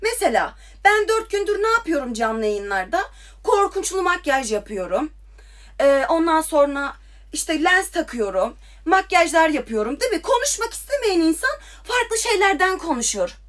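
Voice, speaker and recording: Her voice is extremely high and slightly bright, with big pitch swings at a normal speed. She's a young woman angrily ranting on a TikTok livestream, shooting confrontational questions into her phone.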